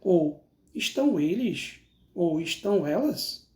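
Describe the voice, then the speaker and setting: In this slow, echoey recorded lesson, a Brazilian Portuguese-accented English teacher reads every example followed by its translation. The voice sits in the mid range, expressive and slow, with a somewhat dark tone.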